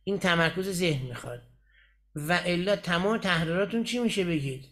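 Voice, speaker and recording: A man with a high voice leads a recitation lesson. He breaks each point down step by step and keeps asking his students whether they have understood. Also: animated, a bit bright. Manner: explains step by step and keeps checking "got it?". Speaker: Quran recitation teacher. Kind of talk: lecturing in a recitation class.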